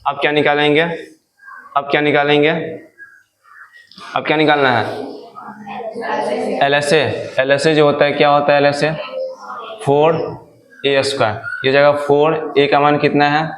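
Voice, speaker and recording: A crowd is audible behind a male maths teacher whose voice is a little high and level. He speaks a little slowly with long pauses in an echoey room, drilling the class and answering his own questions.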